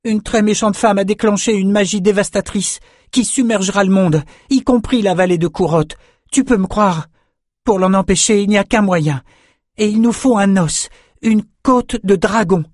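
A man's voice: sits high, a little mellow, no room sound, studio quality, voice pushed up. A man voicing a small, stubborn girl who speaks earnestly and insistently in an audiobook. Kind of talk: audiobook character voice.

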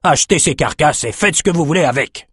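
Audiobook: man doing a contemptuous sea captain, lifted pitch, cold. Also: lively intonation, fast talker, fairly bright tone, husky, no room sound, studio quality. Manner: cold, scornful. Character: brutal male slaver sea captain, contemptuous.

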